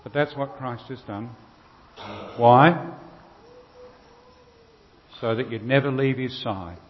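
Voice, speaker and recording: Australian preacher in a long, echoing church reverb. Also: male voice, mid-range voice. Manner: unhurried, pausing between short phrases. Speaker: Lutheran preacher. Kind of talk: sermon with storytelling. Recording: long cathedral-like reverb, slightly dull sound.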